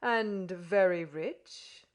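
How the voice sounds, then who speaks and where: A woman with a slightly high, very animated and somewhat bright voice exaggerates her delivery as she plays a pompous, condescending Englishman. The character is a middle-aged English host, and she makes him sound pompous and slow, always over-explaining.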